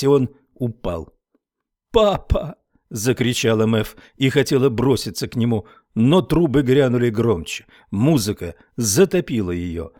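A man narrating an audiobook in a steady, even storytelling manner. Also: mid-range voice, dry recording, clean studio sound.

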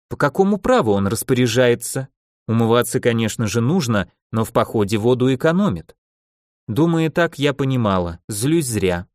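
A man narrating an audiobook in an expressive storytelling manner on a close studio mic. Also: medium pitch, no echo.

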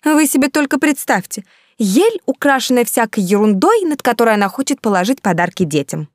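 A woman's voice: very animated, a little fast, no echo, clean studio sound. A woman reading the part of a scheming, fawning noble baroness who talks in a raised, indignant voice. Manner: indignant, high and agitated.

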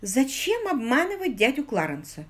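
A woman's voice: high voice, huge pitch swings, normal speed, fairly bright tone, pitched above the performer's own voice, full character voice. A woman reading the part of an offended, jealous young woman who speaks in cool, curt questions. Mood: cold.

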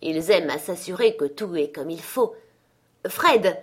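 A woman reading a classic novel aloud as an audiobook narrator, in an even storytelling manner. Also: sits low, moderate pace, slightly rough. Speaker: audiobook reader. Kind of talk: scripted narration.

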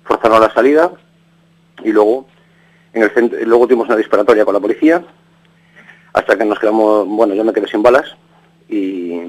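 A man's voice: on the low side, fairly quick, pauses often, low-quality recording. A middle-aged man from Galicia, an interviewee who rambles in a casual way, restarting his sentences and tagging them with questions. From Galicia, Spain. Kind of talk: casual recounting. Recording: radio broadcast.

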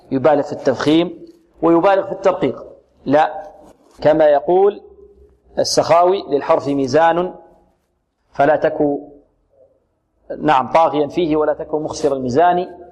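Slow, careful man teaching recitation. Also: on the high side, darkish tone, lo-fi sound. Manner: drills letters slowly, asks and answers his own questions. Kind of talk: tajweed lesson on radio.

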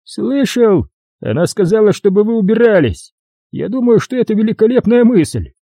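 A sarcastic, condescending cop, as the narrator puts him on, raised well above his usual pitch with a husky, dark tone. He mocks and lectures, leaping up and down in pitch. Dry, close recording. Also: lively intonation, moderate pace, dry recording. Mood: mocking. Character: mocking, stern male police detective.

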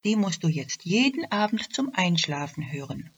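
A woman voicing a calm, unhurried male doctor in a storybook, speaking soft, low and soothing. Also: breathy edge, heavily acted. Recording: dull lo-fi radio recording.

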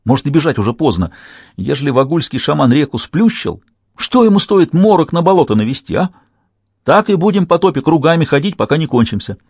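A male audiobook narrator voicing a sly, restless soldier who talks quickly and in a conspiratorial, snapping way. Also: a little high, sing-song, a little mellow, breathy edge, no room sound, clean studio sound, voice pushed up, heavily acted. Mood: urgent.

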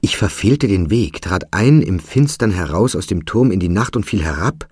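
A man's voice: deep voice, expressive, normal speed, darkish tone, breathy edge, no room sound, clean studio sound, voice pushed up. A man voicing an anguished old porter crying out in grief. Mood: horrified. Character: frightened grieving old man, poor porter. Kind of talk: audiobook character voice.

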